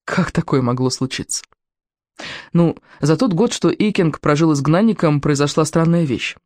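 Expressive woman reading a storybook. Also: sits low, normal speed, no echo, studio quality. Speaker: audiobook narrator. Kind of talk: audiobook narration.

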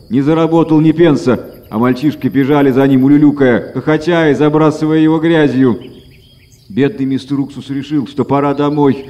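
A man reading a fairy tale aloud as a storyteller, lively and acted out. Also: medium pitch, muffled recording. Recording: echoey reverberant room.

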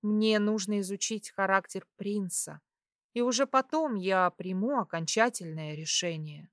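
Expressive woman narrating an audiobook. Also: medium pitch, dry recording, clean studio sound. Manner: expressive, measured storytelling. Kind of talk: first-person scripted narration.

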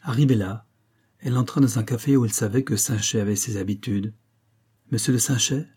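A man reading a novel aloud at an even, measured pace. His voice is dark and mellow with a husky edge. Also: on the low side. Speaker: audiobook narrator. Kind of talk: scripted narration.

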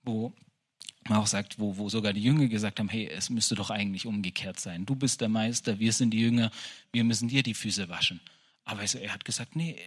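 Husky-voiced man preaching informally. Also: on the low side, brisk. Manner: conversational, repeats "weißt du", restarts often. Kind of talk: informal sermon.

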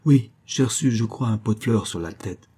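A man's voice: on the low side, moderate pace, warm tone, slightly rough. A man reading an audiobook, voicing a young nobleman who answers politely and earnestly. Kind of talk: audiobook character voice.

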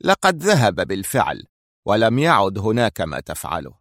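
A man voicing a calm, firm male intelligence director giving orders in a storybook reading. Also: lowish voice, normal speed, vocal fry, slightly rough, no echo, clean studio sound, full character voice.

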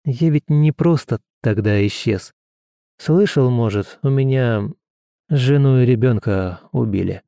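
A man's voice: mid-range voice, unhurried, gravelly, dark tone, dry recording, clean studio sound. A man reading a grim, curt hunter. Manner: terse and clipped. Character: hardened male hunter, grieving, curt.

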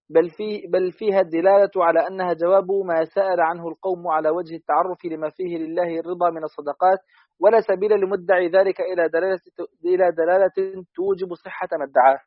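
A man reading a classical text aloud in a quick, steady recitation for a study lesson. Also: sits high, no room sound. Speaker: student reader. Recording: dry, dull lo-fi audio.

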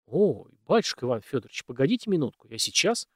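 A fretful old housekeeper woman speaks in a squeaky, higher voice, as a man reading a story plays her. She fusses anxiously over her husband and the house. Her pitch jumps about lively. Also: quick pace, husky, dry recording, studio quality, full character voice. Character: old female housekeeper, timid, fussing.

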